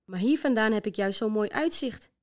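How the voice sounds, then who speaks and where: Woman doing a stubborn little boy in a storybook, pitched up a bit, eager and pleading. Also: lively intonation, moderate pace, lightly acted. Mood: dreamy. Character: stubborn adventurous young boy sailor-to-be.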